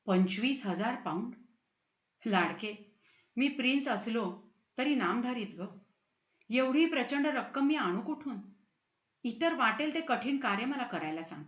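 A woman's voice: a little high, expressive, a little slow, long pauses, reverberant, muffled recording. A woman voicing a passionate, hot-tempered young prince in a storybook reading. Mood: troubled.

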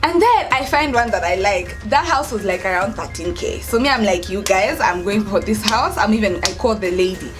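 Speaking to camera from inside her home next to an open doorway, a young Kenyan-accented woman relays a story in a relaxed, theatrical way, voicing each line of dialogue and switching into Swahili. Her mid-range voice has lively intonation and a normal pace with hardly any pauses. Music plays in the background.

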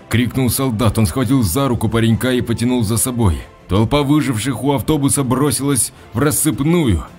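A man's voice: mid-range voice, a little mellow. Brief: male audiobook narrator, dramatic reading, faint music underneath. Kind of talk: scripted narration.

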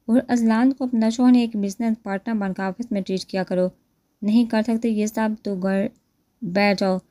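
A stern older businessman lectures his niece in a mellow voice, as a woman narrator reads him. The recording is dry and close. He speaks firmly and scolds. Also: mid-range voice, steady tone, no echo, natural voice.

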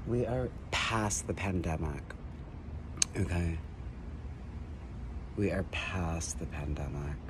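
A man in his thirties, rambling and lecturing excitedly into a phone held at arm's length outdoors. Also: sits low, takes it slowly, pauses often, background noise. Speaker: vlogger. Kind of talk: rambling selfie monologue. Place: outdoors by a building wall.

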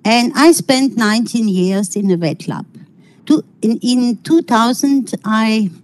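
Slow, halting middle-aged woman lecturing online. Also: on the high side, animated, a little mellow, poor audio. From Kazakhstan. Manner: halting, searching for words, non-native phrasing. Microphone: video call.

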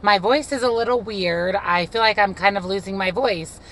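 Sitting in her car, an American vlogger in her thirties gushes casually to her viewers, holding a phone or camera at arm's length. Her voice is mid-range and fairly bright at a moderate pace, though the recording is rough.

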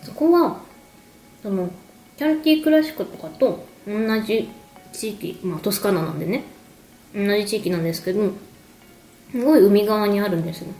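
A woman in her thirties casually explains wine to camera as a video host, sipping a drink and snacking between remarks. Her mid-range voice is mellow with lively intonation, moving at a normal speed with long pauses. She's in an echoey room at home, with music playing in the background.

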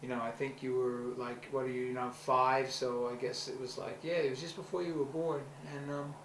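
A man of middling pitch talks playfully and affectionately, as if addressing a child at home. His voice sounds roomy and a little away from the mic. A faint ambience hums behind him. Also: flat delivery, normal speed, a bit bright, distant mic, slight background noise. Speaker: vlog host. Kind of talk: casual video message. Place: among cannabis plants.

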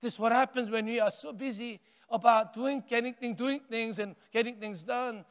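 An older man preaches from the pulpit of a large sanctuary, swinging from raised, emphatic lines to near-whispered ones. His voice sits unusually high for a man and sounds smooth and resonant. A long church-hall reverb trails behind each phrase. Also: normal speed. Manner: animated preaching with wide arm gestures, rising and falling intensity; repeats and restarts phrases, drops to near-hush on key words. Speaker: pastor. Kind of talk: sermon.

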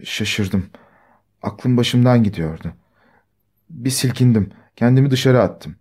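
A man reading the part of a young village woman who quietly tells of being wronged, in a soft, timid way. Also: medium pitch, slow pace. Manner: quiet, timid, restrained storytelling.

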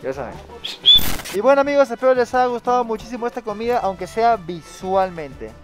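Un hombre con acento peruano, presentador de vlog de viajes, que se despide de sus seguidores en la calle de forma animada y charlatana, hablando a través de una mascarilla. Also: male voice, extremely high pitch, animated, fairly quick, a little mellow, faint music behind, poor audio. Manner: upbeat, chatty, promotional. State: talking through a face mask. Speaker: travel vlog host. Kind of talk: casual vlog sign-off to viewers. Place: outdoors beside a street.

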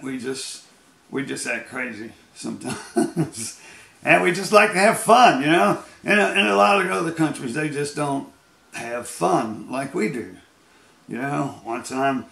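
A man's voice: medium pitch, a little slow, creaky, pushed and bright, echoey room. An American man telling rambling road stories in a casual, folksy way, often laughing as he goes. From United States. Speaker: storyteller. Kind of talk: casual storytelling.

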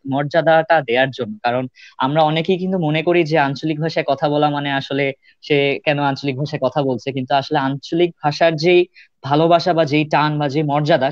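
A young man co-hosts a student radio show, earnest and full of filler sounds. His voice sits a little high. The call sounds dull and dry. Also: no echo. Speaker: radio co-host.

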